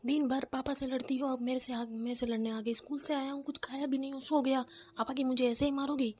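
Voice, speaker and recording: A woman's voice: a little high, steady tone, normal speed, a little mellow, breathy edge. A woman voicing a cheeky, lazy teenage son who whines and talks back. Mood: whiny.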